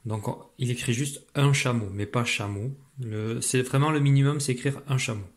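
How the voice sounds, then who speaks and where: A middle-aged man, a primary school teacher, patiently walking parents through homework exercises step by step and slowly spelling out sounds. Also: medium pitch.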